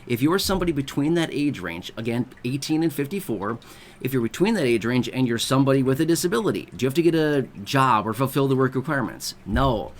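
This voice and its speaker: Speaking fast and expressively in a mid-range voice, this online video host walks viewers through some benefits. His manner is casual and chatty, and he keeps checking in with the audience.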